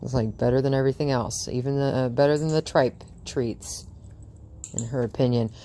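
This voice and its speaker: Low-voiced woman narrating dog training. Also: fairly even intonation, moderate pace, mellow. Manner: chatty, coos praise at the dog, laughs often. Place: outdoors in front of a house.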